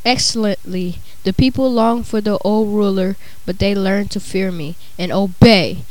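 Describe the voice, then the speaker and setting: A woman voicing a haughty male usurper lord in a measured, lordly way for a storybook tale. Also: mid-range voice, a little mellow, lightly acted, rough recording. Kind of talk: dramatised storybook reading.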